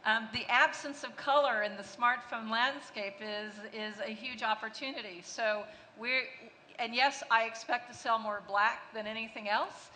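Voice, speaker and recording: A woman executive on a conference panel speaks in a pushed, bright voice on the high side, with fairly even intonation and a moderate pace. She is fluent but restarts phrases often and uses fillers, and the large hall adds long reverb and faint noise.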